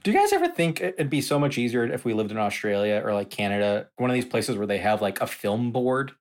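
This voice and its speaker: A man's voice: medium pitch, sing-song, fast talker. Casual, cursing man on a podcast. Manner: loose, swears freely, nostalgic storytelling. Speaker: podcast co-host.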